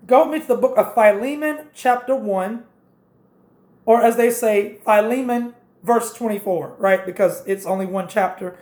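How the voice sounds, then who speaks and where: A woman's voice: mid-range voice, darkish tone, roomy sound. A woman preaching a sermon, directing listeners through scripture passages and explaining them step by step.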